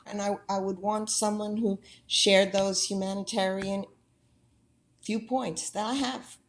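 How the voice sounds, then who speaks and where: A woman in her sixties answering interview questions sincerely and deliberately. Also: mid-range voice, little pitch movement. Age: 60s.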